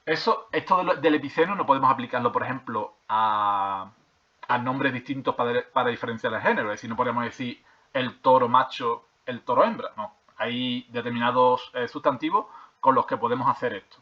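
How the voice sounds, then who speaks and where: A primary school teacher, male, explains grammar rules to his class at a fairly quick pace, repeating each point and checking in with "¿vale?" and "¿de acuerdo?" after almost every sentence. Reading from a textbook, he hesitates, using fillers and restarting. His pitch is an ordinary middle, and the recording is slightly dull and lo-fi.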